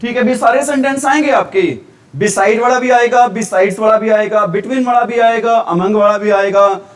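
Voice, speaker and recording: High-voiced male teacher, heard from afar. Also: unhurried, far from the mic. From India. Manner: asks questions then answers them himself. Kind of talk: grammar revision lecture.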